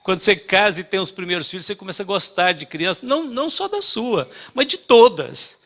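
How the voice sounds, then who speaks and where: An older man preaching a sermon, telling a story in an emphatic way with many halting restarts. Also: high-pitched, sing-song, a bit bright. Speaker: pastor.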